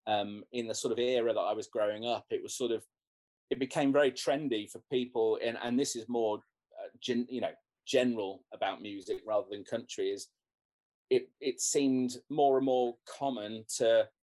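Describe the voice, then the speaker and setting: A guest musician in a casual interview chat talks through his thoughts in an ordinary mid-pitched, slightly mellow voice. He rambles, restarting sentences often and relying on "you know"s and other fillers.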